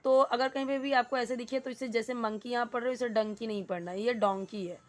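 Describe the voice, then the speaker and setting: A woman teaching English in Hindi, patiently explaining grammar and reading English sentences slowly. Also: a little high, fairly even intonation.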